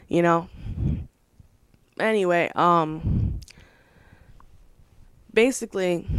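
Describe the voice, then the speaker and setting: Casual film review, rambling, profane, filler-heavy, dry close sound, middle pitch. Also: darkish tone, clean tone, no room sound. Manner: rambling and profane, full of "you know" and "like"; laughs between remarks.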